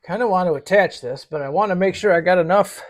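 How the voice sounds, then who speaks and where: A man with a notably high voice talks his viewers through a tractor repair as he works. His manner is folksy and easygoing, like chatting in his own barn. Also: fast. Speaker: DIY tractor mechanic. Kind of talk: casual narration while working.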